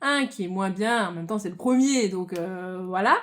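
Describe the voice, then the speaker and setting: A woman's voice: mid-range voice, normal speed. A woman vlogging about her crafts, chatting casually to viewers with many hesitations and restarts. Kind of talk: casual hobby chat to viewers.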